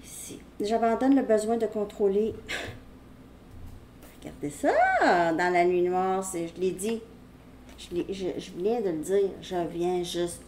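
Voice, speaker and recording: A woman gives a casual, rambling tarot reading, speaking directly to her viewer. Her voice is warm and mellow, at a middling pitch. A faint hiss of noise sits under the recording. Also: big pitch swings, takes it slowly. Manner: rambling, talks straight to the viewer. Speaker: tarot reader.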